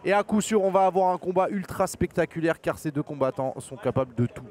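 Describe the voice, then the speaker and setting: A man's voice: a little high, fast, a little mellow. A man giving live MMA commentary as lead commentator, keen and emphatic in his play-by-play.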